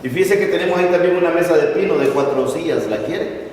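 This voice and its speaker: A man's voice: on the high side, fast, noisy background. A middle-aged man preaching a sermon, telling stories and stressing key words. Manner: storytelling preacher, acts out quoted voices, stresses words. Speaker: pastor. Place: large church hall. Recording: echoey hall from far off.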